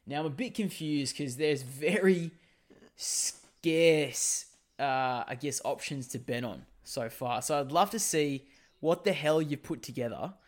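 A man's voice: on the high side, unhurried. An Australian man co-hosting a casual sports podcast, talking in a matey, teasing way. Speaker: podcast co-host.

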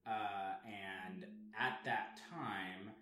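Deep-voiced man rambling in a roomy space. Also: very slow, bright, forceful tone, a little hiss or hum. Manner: explains at length with many ums and restarts. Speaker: podcast co-host. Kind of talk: casual chat. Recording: roomy echo.

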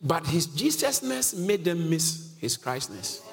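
A man with a slightly high, gravelly voice preaches a scripture-teaching sermon very animatedly but slowly. He is emphatic, poses questions to the congregation, and chuckles often, with background noise and faint music in a reverberant hall.

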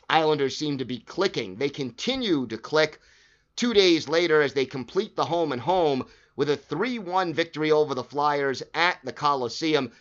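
A man's voice: a little high, fairly bright tone. A man hosting a sports history show, recapping old games in a casual, conversational way, listing scores and stats with frequent fillers. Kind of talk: casual narrated game recap. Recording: dull lo-fi recording.

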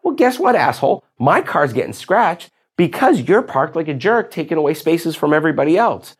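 A man's voice: fairly high pitch, very animated, moderate pace, breathy edge. A man hosting a podcast, delivering a profane, exasperated ranting monologue. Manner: exasperated, profane, rising to outbursts. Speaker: podcast host.

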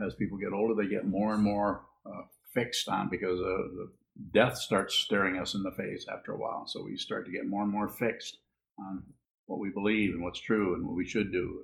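A man with a low, gravelly voice gives a Buddhist talk in a loose, rambling way, often restarting his sentences. There is faint noise behind him. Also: low-quality recording. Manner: rambling, restarts, gentle chuckles. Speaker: Buddhist teacher. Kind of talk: dharma talk with questions.

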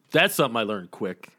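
A man's voice: medium pitch, a bit bright. A man from the States, co-hosting a podcast in easygoing casual chat with plenty of hesitant fillers. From Southern United States. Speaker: podcast co-host.

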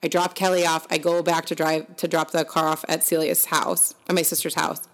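A woman's voice: deep voice, flat delivery, brisk. A young woman telling a story in casual chat, chatty and full of "like". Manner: chatty storytelling, heavy use of "like".

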